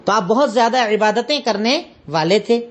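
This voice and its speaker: A woman with an Indian Urdu accent gives a religious lesson in a high voice. She goes step by step and says her references twice so they sink in. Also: lively intonation. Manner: explains step by step, repeats references. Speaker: religious teacher. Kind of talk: Islamic lesson lecture.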